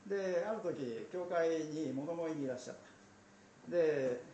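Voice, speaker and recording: A man's voice: fairly high pitch, moderate pace, mellow, muffled recording, slight background noise. A man preaching a sermon as a pastor, chatty and storytelling, with asides. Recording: roomy sound from a distance.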